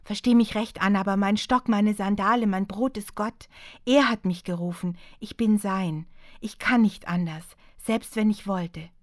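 A woman's voice: mid-range voice, normal speed, dry recording, lightly acted. Woman reading a young monk, fervent n pleading, dry close audiobook sound. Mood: insistent. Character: pious young male monk, penitent.

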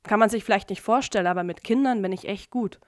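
A woman's voice: medium pitch, fast, close to an everyday voice. A woman reading aloud, voicing a brash, tipsy young kindergarten worker who chatters and teases. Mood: tipsy, chatty.

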